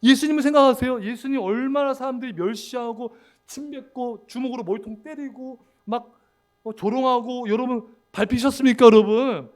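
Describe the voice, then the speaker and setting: High-voiced emphatic male pastor preaching. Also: moderate pace, darkish tone. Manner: emphatic preaching, often calling out to the congregation, acting out quoted lines. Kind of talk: sermon. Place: church sanctuary.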